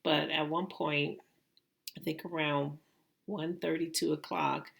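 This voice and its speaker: Middle aged lady vlogging casually, really creaky low voice, kinda halting as she tells her story. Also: steady tone, fairly bright tone. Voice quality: gravelly, creaky voice. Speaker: vlogger recounting own surgery.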